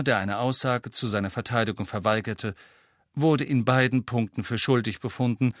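A man reading a fantasy novel aloud as narrator, with steady storytelling. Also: mid-range voice, dry recording, clean studio sound. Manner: steady storytelling, lively for dialogue. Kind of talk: audiobook reading.

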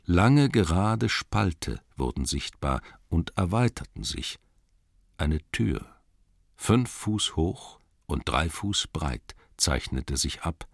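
A man with a very low voice reads a story aloud, slow and deliberate, letting tense passages rise and quiet ones sink nearly to a whisper. The sound is close and dry, without any room echo. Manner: slow, deliberate, with dramatic rises and hushed drops. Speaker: audiobook narrator. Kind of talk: scripted narration.

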